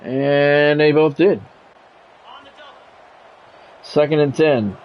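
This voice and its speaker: A man whose voice sits on the high side narrates a football video game live, very slowly, in curt play-by-play lines with candid asides. The audio comes from a dull, lo-fi microphone, and faint background noise is present.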